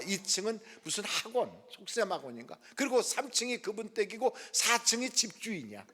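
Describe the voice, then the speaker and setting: A middle-aged male pastor preaching a sermon, telling a story with lively delivery and acting out the people in it. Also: sits high. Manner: lively storytelling, acts out quoted voices softly. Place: prayer house worship hall. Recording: long hall reverb.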